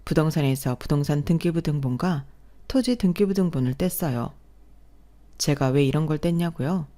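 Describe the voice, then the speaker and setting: A woman reading a first-person audio story in a plain, even storytelling manner. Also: sits low, moderate pace.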